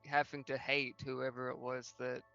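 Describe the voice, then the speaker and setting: A player voicing an awkward, unsure teenage outcast in a tabletop game, speaking haltingly. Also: medium pitch, little pitch movement, creaky, bright, forceful tone, highs cut off, soft background music. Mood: reflective, unsure. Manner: halting, hesitant. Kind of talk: in-character tabletop roleplay.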